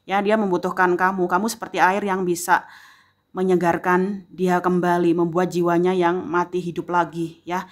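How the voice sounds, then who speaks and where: A woman giving a tarot reading, speaking straight to the viewer and tagging most phrases with a soft "ya". She repeats phrases slowly for emphasis. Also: fairly low pitch. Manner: addresses the viewer directly, filling pauses with a frequent "ya"; slow, emphatic repetition of phrases. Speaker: tarot reader.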